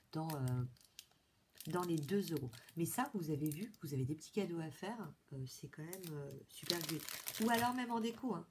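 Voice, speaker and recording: French lady rambling excitedly about soaps, lots of euhs, slight hiss. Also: on the low side. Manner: chatty, enthusiastic, many fillers and restarts. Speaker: beauty vlogger. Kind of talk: casual haul video.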